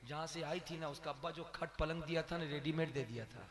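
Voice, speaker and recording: A man's voice: fairly high pitch, fairly quick, background noise, voice pushed down, natural voice. A male preacher voicing a gossipy, self-righteous old village mother-in-law, heard in an echoey hall with long reverb. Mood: grumbling. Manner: complaining, self-righteous, chatty.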